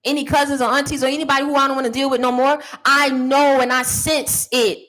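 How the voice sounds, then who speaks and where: A woman with a fairly high voice delivers a motivational monologue, preachy and full of sass. She speaks directly to the people she feels are against her, never backing down. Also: level tone, fast talker, fairly bright tone, low-quality recording. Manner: sassy, preachy, addresses critics directly.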